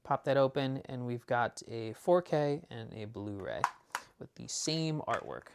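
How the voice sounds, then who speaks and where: A man's voice: mid-range voice, very animated, creaky, background noise. A man casually showing off his movie disc collection, rambling enthusiastically with lots of fillers and restarts. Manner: talks fast at times. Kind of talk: casual unboxing chat.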